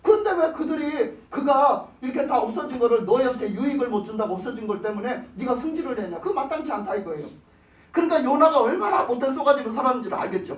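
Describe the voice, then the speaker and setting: A preacher giving a folksy, animated sermon and putting questions to the congregation, recorded in a church. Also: sits high, recorded from a distance. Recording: roomy church, voice off mic.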